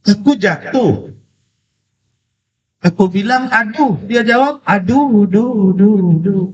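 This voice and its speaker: A man's voice: slow pace, slight background noise. A man doing an indignant little boy. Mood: aggrieved. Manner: high-pitched, shouting and complaining. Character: young boy upset by an echo, hurt and indignant. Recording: distant, echoey, dull sound.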